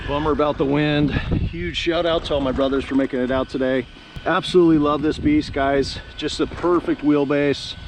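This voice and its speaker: A man's voice: fairly high pitch, steady tone, normal speed. A man with a laid-back frat-bro way of talking, full of dude and bro slang, doing casual vlog commentary outdoors. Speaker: RC car vlogger. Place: outdoors in the wind. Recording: very loud wind noise on mic.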